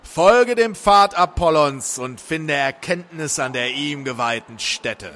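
Man doing a slow, sneering demon. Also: on the high side, expressive, sharp tone, heavily acted. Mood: commanding. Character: giant demonic male being, mocking and calm.

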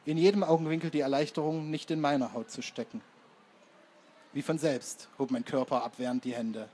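A man narrating an audiobook in first person with measured, even storytelling. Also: medium pitch, slight background noise.

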